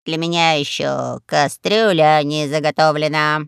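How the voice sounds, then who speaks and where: A hoarse, cheeky parrot, as a man reading puts him on. He barks out brash retorts in a gravelly voice. The recording is dry and close. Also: on the high side, fairly even intonation, unhurried, fairly bright tone, no room sound, voice pushed down. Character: bold, rude male parrot.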